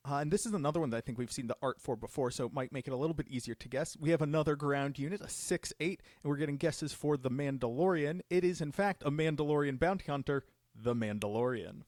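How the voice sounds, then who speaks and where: A man's voice: on the high side, fast, few pauses, darkish tone, no echo, clean studio sound. Upbeat man hosting a live stream. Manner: enthusiastic, upbeat card reveals. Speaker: judge program host.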